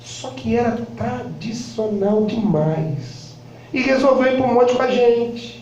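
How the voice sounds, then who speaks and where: A man with a very high voice gives a fervent church testimony, acting out the people in his story and bursting into shouts. He is from Brazil. The sound is very echoey and distant, picked up from across a church hall. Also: lively intonation, slow pace, muffled recording, slight background noise. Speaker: church member giving testimony. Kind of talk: impassioned testimony preaching. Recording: very echoey hall, mic far off.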